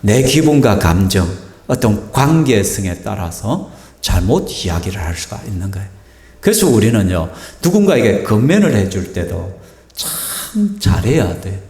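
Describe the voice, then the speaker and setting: A man's voice: fairly low pitch, sing-song, a little slow, darkish tone. A male pastor preaching a sermon and telling a personal story, acting out the voices of the people in it. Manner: storytelling, acts out quoted voices. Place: church sanctuary. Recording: echoey church hall.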